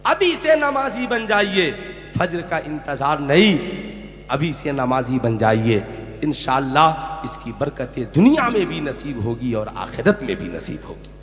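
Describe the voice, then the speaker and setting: A man preaching to a gathering, calling out questions to the crowd and swinging between loud shouted passages and quiet low ones. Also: very animated, measured pace. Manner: questions the crowd and urges them to answer. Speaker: Islamic preacher. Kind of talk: sermon with call-and-response. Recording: echoey hall, faint hum.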